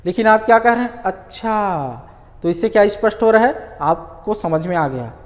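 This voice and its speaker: A male Hindi grammar teacher giving an online lesson. He asks rhetorical questions, answers them himself, and repeats key words slowly. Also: high voice, expressive, big-room sound.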